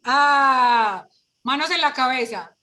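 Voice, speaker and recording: Woman, fairly high voice, parent workshop leader, lively, rhetorical questions, video call sound. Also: normal speed. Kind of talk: online parent workshop talk.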